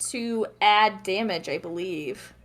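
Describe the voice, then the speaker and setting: A woman's voice: mid-range voice, slow pace, a bit bright. A woman narrating as game master in a casual tabletop session, laughing and humming while she checks the rules.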